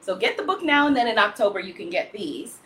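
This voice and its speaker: A loud, exuberant woman hosting a live stream as an author, reading out viewer comments and cheering often. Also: mid-range voice, expressive, fast talker, a little hiss or hum. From Guyanese-Caribbean family. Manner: frequent laughter, cheering chants.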